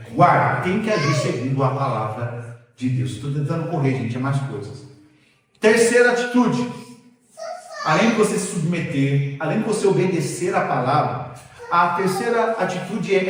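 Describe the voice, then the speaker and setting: Animated male pastor in an echoey church. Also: on the high side. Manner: animated, storytelling testimony. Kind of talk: sermon. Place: church sanctuary. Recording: very echoey church hall, distant mic.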